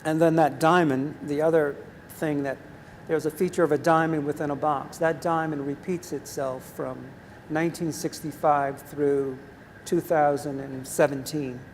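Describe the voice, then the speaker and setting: A man in his seventies, an artist talking in a gallery conversation in a measured, reflective way, pausing with ums. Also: on the high side, fairly even intonation. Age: 70s. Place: large art gallery. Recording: reverberant gallery with faint noise.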